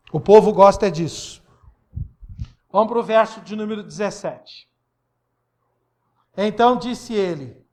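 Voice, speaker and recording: High-voiced Brazilian pastor preaching. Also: male voice. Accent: Brazilian Portuguese. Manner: preaching with sudden loud bursts and voice jumps when acting out Bible figures. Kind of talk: sermon.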